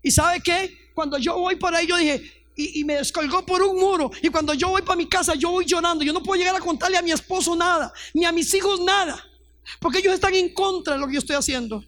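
A woman's voice: extremely high pitch, fast, a bit bright, dry recording, studio quality. A middle-aged woman pastor gives a fervent testimony sermon, acting out the voices of people in her stories. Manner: fervent storytelling, acts out quoted voices.

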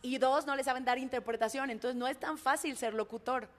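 A woman with a Mexican accent, a public speaker and announcer, telling anecdotes in a lively, colloquial, frank way in conversation. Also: high voice, fairly quick. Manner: expressive, imitates heartbeats and screams. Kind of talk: animated storytelling in conversation.

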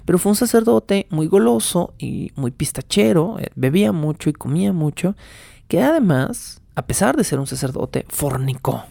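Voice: mid-range voice, very animated, moderate pace, vocal fry, mellow, no echo. A speaker giving a casual, wry, digressive lecture that retells an old text and keeps explaining asides.

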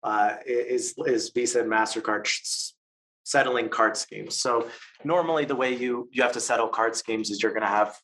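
A stablecoin expert, appearing as an interview guest, answers questions with long explanations full of fillers, false starts, and repeated words. His delivery is halting, with many restarts, and his mid-range voice sounds a bit bright.

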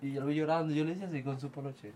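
A man's voice: a little high, very fast. Chatty man with faint background noise. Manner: chatty storyteller, animated. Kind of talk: casual chat.

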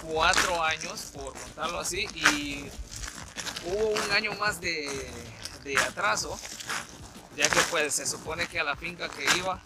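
A man from Guatemala, a guest on a podcast, answering questions in a measured, somewhat formal way outdoors in the snow. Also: fairly high pitch, animated, heavy background noise. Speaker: guest, temporary worker. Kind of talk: interview answers.

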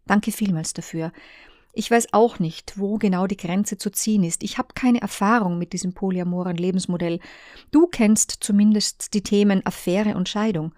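A woman reading the messages of a married woman, soft and reflective. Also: medium pitch, fairly even intonation, moderate pace, dry recording, clean studio sound, lightly acted. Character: Kaja, a searching married woman.

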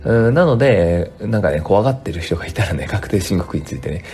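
A man's voice: sits low, lively intonation, a little fast, darkish tone, faint music behind. A male tax accountant hosting his own podcast from his home work room, talking in a chatty, rambling way with lots of fillers, his voice dry and strained in the morning. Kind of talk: casual solo podcast talk. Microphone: home studio mic.

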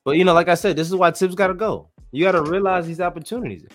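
A man's voice: sits high, fast talker, faint music behind. Laid-back New man talking hoops. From New York area. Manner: animated, slangy, laughs often. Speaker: podcast co-host. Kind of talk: casual sports chat.

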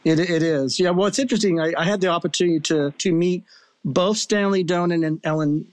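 A man's voice: on the high side, fairly quick. A man hosting an interview podcast, asking rambling questions full of restarts and fillers. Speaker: podcast host. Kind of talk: casual interview chat.

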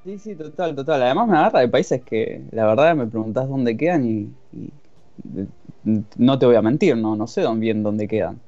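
A man's voice: mid-range voice, lively intonation, moderate pace, warm tone, no echo. A man with an Argentine accent, a guest on a casual podcast, talking in a laid-back, jokey way. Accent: Argentine Spanish. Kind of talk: casual chat. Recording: dull lo-fi dry audio, faint music.

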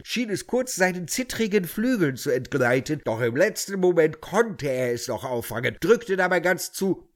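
Man narrating a deadpan audio story. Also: a little high.

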